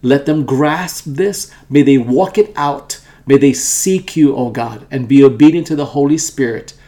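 Man co-host leading fervent prayer, mellow warm tone. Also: medium pitch, a little slow. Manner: fervent, repeating "God" and "Lord". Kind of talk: prayer and preaching.

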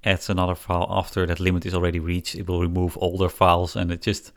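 A man's voice: deep voice, monotone, fast. A man co-hosting a podcast in casual chat, talking hesitantly with restarts and frequent laughs. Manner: hesitant, many restarts and fillers, laughs often. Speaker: podcast co-host.

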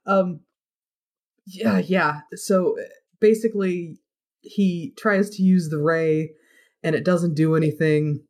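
A woman's voice: on the low side, steady tone, slow, pauses often, a little mellow. A woman in casual chat, recapping a video game's story with a co-host, swearing freely and acting out characters' lines. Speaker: podcast co-host recapping a game.

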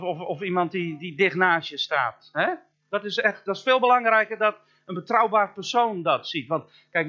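A man in the role of pastor delivers a sermon with a high, bright, forceful voice. He keeps it chatty, asks the listeners questions and leans hard on key words. The recording sounds a little dull and lo-fi. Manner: emphatic preaching, slows down for key words.

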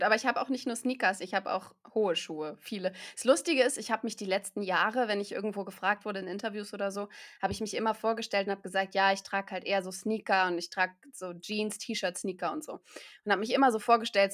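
A woman's voice: medium pitch, steady tone, fairly quick, a bit bright. A woman hosting a podcast interview, chatty and upbeat in a casual, talkative way. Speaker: podcast host.

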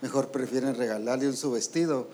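A man preaching a sermon to ministers, lively and full of rhetorical questions, acting out quoted voices. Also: medium pitch, a little fast.

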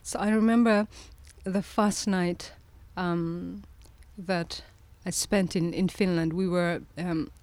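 Her fairly low voice steady and her pace slow, a Somali woman in her forties, a presidential candidate, tells her story reflectively as an interview guest. She often restarts and circles back on words, laughing softly now and then, and the sound is close and dry with no room around it.

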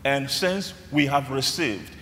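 A man preaching a sermon as a priest, in measured phrase-by-phrase delivery, his voice carrying a cathedral-like echo. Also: medium pitch, lively intonation, pushed and bright, slight background noise. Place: large church. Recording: long church reverb, faint room ambience.

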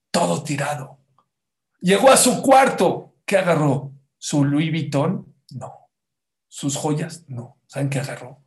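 A man preaching a sermon to a congregation, dramatic, dropping to a hush and then rising loud as he acts out the people in his stories. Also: medium pitch. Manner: dramatic, swings from hushed to loud, acts out quotes.

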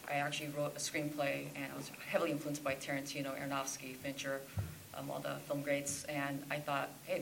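Female panel guest from Afghanistan, very low, monotone with vocal fry, faint room noise. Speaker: graphic novelist, panel guest. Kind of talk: panel talk at a convention.

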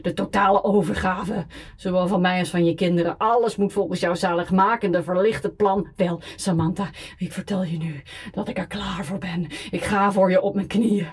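A woman voicing a drunk, desperate middle-aged man pleading loudly and crudely with his ex on the phone. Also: lowish voice, steady tone, moderate pace, husky. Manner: slurred, begging, loud and crude.

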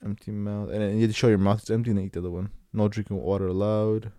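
A young man with a lowish, mellow voice talks casually, reading things out between comments. His manner is slangy and bro-ish, like a frat boy hanging out, with loose swearing. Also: little pitch movement, racing, no room sound. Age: young adult. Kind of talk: casual chat, reading out record facts.

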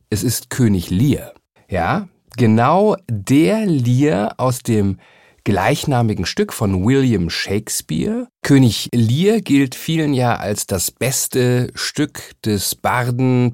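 A man's voice: medium pitch, a little mellow, dry recording, clean studio sound. A man hosting a book podcast, talking in a chatty, enthusiastic way with the occasional um. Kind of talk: scripted podcast talk.

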